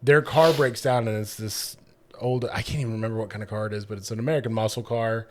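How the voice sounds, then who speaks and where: A man's voice: lowish voice, fairly even intonation, quick pace, slight background noise. A man in his thirties co-hosting a podcast, chatting casually in a rambling, joking way with frequent swearing. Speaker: podcast co-host. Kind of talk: casual chat.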